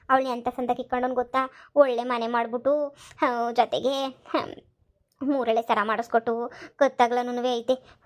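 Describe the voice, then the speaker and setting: A woman plays a wailing old village mother in a cartoon comedy, drawing out her laments slowly. The voice sits high and keeps to a narrow, level tune. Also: lightly acted. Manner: slow drawn-out lament, crying.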